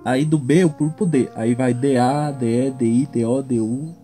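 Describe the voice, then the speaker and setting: Mellow-voiced man, slow explainer. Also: mid-range voice, fairly even intonation, soft background music. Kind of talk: casual chat.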